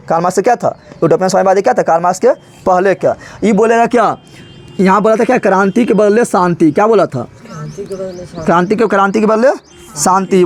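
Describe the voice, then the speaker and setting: A male teacher gives a colloquial, joking history lesson, asking rhetorical questions and repeating key terms. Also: high voice. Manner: colloquial and joking, slips into regional dialect. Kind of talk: animated classroom lecture.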